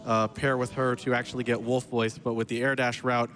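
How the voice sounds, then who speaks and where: A man's voice: medium pitch, flat delivery, brisk, a bit bright, a little hiss or hum. Guy doing live speedrun commentary while playing, casual and chatty, explains stuff, bit playful. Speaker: speedrunner narrating own run.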